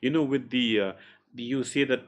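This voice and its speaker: A man questioning counsel as a judge in a courtroom, breaking in briefly and haltingly. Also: mid-range voice, steady tone, muffled recording. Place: courtroom live stream.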